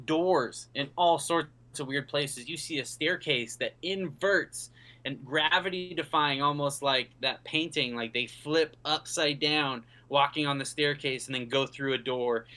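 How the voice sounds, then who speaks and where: A man narrating a tabletop game as game master, with a bright, clear tone. He rambles through vivid descriptions, often pausing on fillers. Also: a little high.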